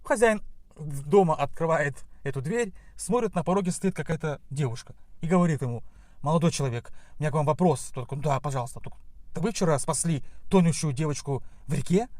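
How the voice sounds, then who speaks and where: A man's voice: fairly high pitch, fairly quick, a little mellow, no echo, studio quality. A man telling a string of jokes in a chatty way, briefly voicing the people in them. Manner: chatty storyteller voicing characters. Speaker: joke teller.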